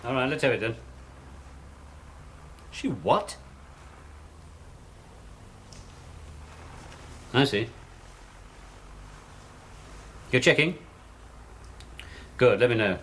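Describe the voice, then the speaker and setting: A middle-aged actor playing a patient, probing police detective who questions a suspect in a 1970s television police drama. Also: male voice, medium pitch, unhurried, slight background noise. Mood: firm. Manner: calm, probing, coaxing then pressing.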